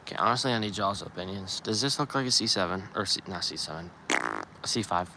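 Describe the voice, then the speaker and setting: A young male streamer with a low, gravelly voice, musing out loud as he builds and turning to his viewers for advice. His casual, thinking-aloud talk sits over a steady hiss of background noise. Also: fairly quick, poor audio. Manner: thinks aloud, musing and asking chat for opinions. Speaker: live streamer.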